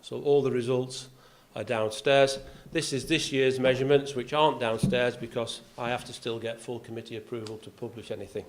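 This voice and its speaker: Fairly quick with hardly any pauses, an older Yorkshireman speaks in a mid-range voice with little pitch movement and a faint accent. He is the golf club's vice captain addressing an audience in the clubhouse function room, dry and self-deprecating, with frequent "uh"s.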